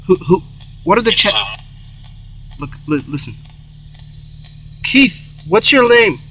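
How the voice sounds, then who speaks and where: A man hosting a paranormal session in casual, halting talk, repeating himself and breaking off phrases. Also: high-pitched, animated, vocal fry, sharp tone. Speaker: host of a paranormal spirit box session. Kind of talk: casual rambling vlog talk, addressing spirits and viewers. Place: in or beside a car. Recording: faint hum and noise.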